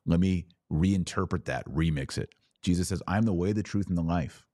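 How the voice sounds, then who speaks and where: Hosting a religious podcast, this man speaks in a low, mellow voice at a moderate pace, talking to his audience directly and informally. His conversational delivery stresses his points emphatically and plays out imagined exchanges, all in a very dry recording without echo.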